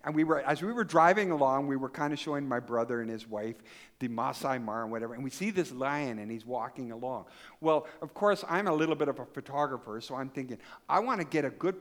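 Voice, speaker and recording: Guy giving a sermon, bright lively voice, acts out the story, keeps quizzing the crowd. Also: mid-range voice. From Canada. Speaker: pastor. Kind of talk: sermon with children and adults.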